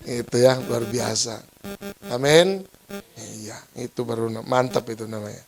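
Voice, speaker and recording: Joking Surabaya pastor mid-sermon. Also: male voice, mid-range voice, a little slow, creaky, soft background music. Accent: Surabaya Javanese-flavored Indonesian. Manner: playful, teasing the congregation, laughs often. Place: church service.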